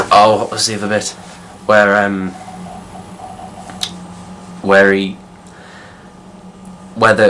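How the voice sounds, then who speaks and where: A young man with a low, deep voice reviews a film in loose, casual talk. He rambles, circling back with plenty of fillers and false starts. A faint hiss sits under his voice. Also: a bit bright. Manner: rambling, many fillers and restarts. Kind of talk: casual spoken movie review.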